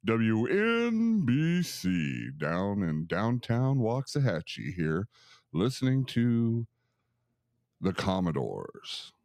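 A man putting on the slow, drawn-out delivery of a smooth radio host announcing a station. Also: on the low side, wildly swooping pitch, a little mellow, no room sound, clean studio sound, full character voice. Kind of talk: playful on-air imitation.

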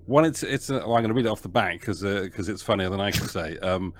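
A man who works as a producer and writer joins a podcast as a guest over a video call, joking, rambling and laughing often in a casual interview chat. His voice is low and expressive, he talks fast, and there's slight background noise.

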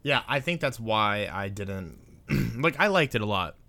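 A man's voice: lowish voice, expressive, a little slow, vocal fry, bright, forceful tone. A young man co-hosting a podcast, chatting casually about films in an informal, slangy way with some swearing. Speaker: podcast co-host. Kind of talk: casual film chat.

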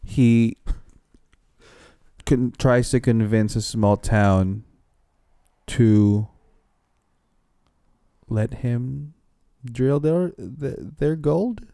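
A man co-hosting a casual podcast chat, halting and pausing with ums. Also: medium pitch, creaky, mellow, no room sound, studio quality. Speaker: podcast co-host.

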